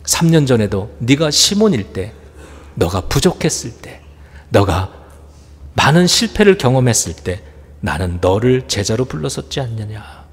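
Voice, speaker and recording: A male pastor voicing a gentle male spiritual teacher who consoles a disciple in soft, quiet, slow speech. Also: mid-range voice, sing-song, slightly rough, voice pushed down. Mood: tender. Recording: long reverb in a church hall.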